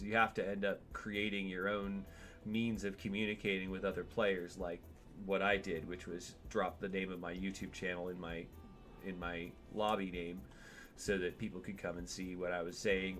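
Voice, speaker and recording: A man's voice: fairly low pitch, fairly bright tone. A man streaming a game from home, chatting in a digressive way and talking to his cat as he plays. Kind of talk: casual gameplay stream commentary.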